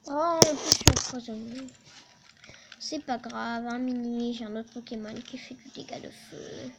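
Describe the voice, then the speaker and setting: A woman giving casual, excitable let's play commentary, chatting to her team and swearing at opponents. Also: on the high side, unhurried, slight background noise.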